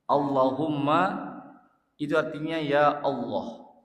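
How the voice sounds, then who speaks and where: A man preaching at a mosque study circle, explaining a prayer slowly, often addressing the listeners with "ya" and "Pak" and chanting Arabic phrases. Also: a little high. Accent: Indonesian. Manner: slow, drawn-out explaining with repeated "ya" and "Pak" to the congregation. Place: mosque hall. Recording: roomy hall reverb.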